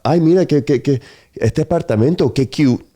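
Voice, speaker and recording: A man's voice: a little high, a little fast, mellow, voice pushed up, natural voice. A man putting on a chatty Cuban woman from Miami who mixes Spanish and English in an exaggerated, sing-song lilt. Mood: gushing.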